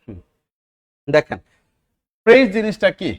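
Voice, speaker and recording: A man's voice: high voice, big pitch swings, unhurried. A man teaching English grammar in a live online class, often asking his students questions and repeating key words. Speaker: English teacher for job exams.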